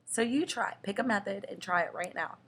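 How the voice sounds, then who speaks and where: A young woman teaching a children's lesson, slow and patient, stretching out the example words. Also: mid-range voice, gravelly, fairly bright tone, a little hiss or hum. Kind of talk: children's lesson explaining syllables.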